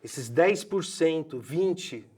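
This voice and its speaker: A man's voice: on the high side, extremely slow, breathy edge. Emphatic Brazilian man in his fifties. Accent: Brazilian Portuguese. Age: 50s. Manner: expressive, emphatic, animated. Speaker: voice doctor. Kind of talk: passionate promotional talk.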